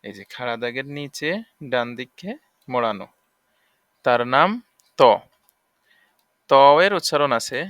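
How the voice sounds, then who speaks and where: A man teaching Arabic letters for Quran reading in a recorded lesson, drilling syllables slowly and repeatedly. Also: mid-range voice, pushed and bright, smooth, dry recording, studio quality. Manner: slow, repetitive drilling of syllables.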